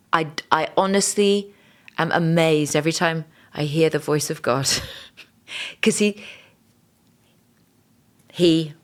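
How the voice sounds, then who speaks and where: Earnest woman host, low voice, emotional testimony. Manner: earnest and openly emotional, with many restarts. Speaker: podcast host and singer-songwriter. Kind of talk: personal faith testimony.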